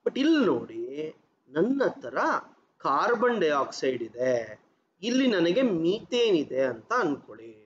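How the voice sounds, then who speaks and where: Guy lecturing a class, high animated voice, keeps asking then answering his own questions, bit dull lo-fi sound. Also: measured pace, slight background noise. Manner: asks questions and answers them himself; mixes English terms into his talk. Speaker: teacher. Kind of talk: geography lecture for exam students.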